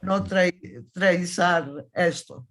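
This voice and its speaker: Drawing out her words in a fairly low voice, a Thessaloniki woman in her seventies serves as the guest historian in a conversational interview. Her Salonica Judeo-Spanish accent accompanies an emphatic, insistent manner, and she frequently restarts what she is saying.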